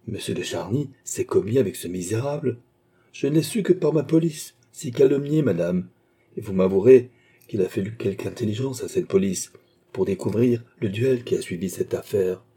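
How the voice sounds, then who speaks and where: A man's voice: on the low side, animated, normal speed, warm tone, slightly rough. A suave police magistrate, read by a man. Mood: smug. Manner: polite, smugly deferential. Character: suave older male police chief. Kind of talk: audiobook reading.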